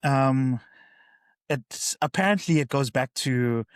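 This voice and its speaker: A man's voice: medium pitch, slow, smooth, no echo, clean studio sound. A man from South Africa telling stories in a casual podcast chat, chatty and swearing casually.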